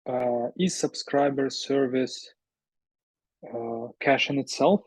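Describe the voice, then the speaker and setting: A man's voice: medium pitch, steady tone, slow, dry recording, low-quality recording. Agreeable male interviewer, close dry sound. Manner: agreeable, frequently murmuring acknowledgment as he listens. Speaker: technical interviewer. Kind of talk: conversational interview with brief acknowledgments and steering questions.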